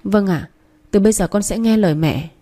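A fragile, remorseful young woman, voiced by a woman narrator, talks in a timid, pleading way. The tone is mellow and warm, with a slight lift above the narrator's usual pitch. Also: fairly quick, lightly acted. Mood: meek.

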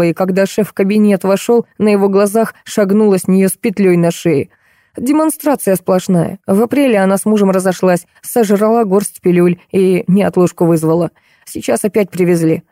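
Woman doing a gruff middle-aged nurse, blunt and contemptuous, mellow low-key tone, dry close sound, audiobook. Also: no echo, close to an everyday voice.

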